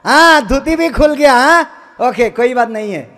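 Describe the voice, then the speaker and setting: A Bangladeshi comedian performs a comic skit built around a mock phone call, scolding in a colloquial, indignant manner. His voice is very high, animated, sharp-toned and fairly quick.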